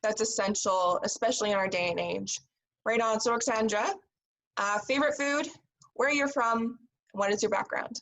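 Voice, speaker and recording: A woman's voice: mid-range voice, normal speed, a bit bright, poor audio. A woman from Canada moderating a panel discussion over a video call, upbeat and encouraging as she introduces the guests.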